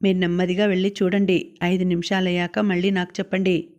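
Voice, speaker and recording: A woman's voice: lowish voice, little pitch movement, fairly quick, a little mellow, close to an everyday voice. A woman voicing an impatient male boss who gives curt orders, in an audiobook.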